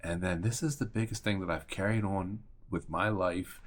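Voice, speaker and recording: Speaking at a moderate pace in a steady tone, a low-voiced man shares a personal story to camera in casual fashion. He works as a real estate agent and attorney, talks conversationally with some mild profanity, and acts out dialogue from memory.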